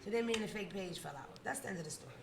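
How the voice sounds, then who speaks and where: A woman's voice: mid-range voice, expressive, rapid-fire, gravelly, echoey room, a crowd in the background. A woman hosting a podcast, telling stories in brash, profane casual chat and laughing often. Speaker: podcast host.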